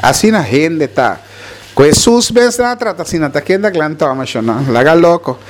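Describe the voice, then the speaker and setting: A man talking in a rambling, animated casual monologue, jumping between topics. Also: moderate pace. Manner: animated, jumps between topics, swinging pitch.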